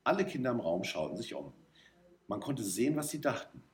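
A man reading a story aloud as narrator, in a lively, expressive way. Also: medium pitch, brisk. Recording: roomy echo.

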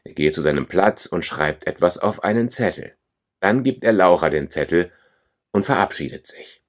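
A man narrating a scripted storybook for learners, calm, clear and plain. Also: sits low, moderate pace.

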